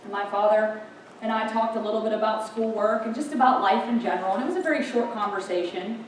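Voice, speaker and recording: A woman's voice: mid-range voice, quick pace, a little hiss or hum. A young woman telling an emotional personal story to a gathering, speaking earnestly and acting out the dialogue. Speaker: speaker sharing her story. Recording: echoey hall, voice from far off.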